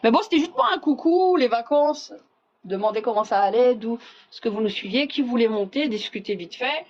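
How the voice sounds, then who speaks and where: A woman's voice: a little high, expressive, brisk, a little mellow, highs cut off, slight background noise. A woman hosting a casual live chat, talking bluntly and sarcastically, dropping Arabic phrases into her speech. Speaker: livestream host.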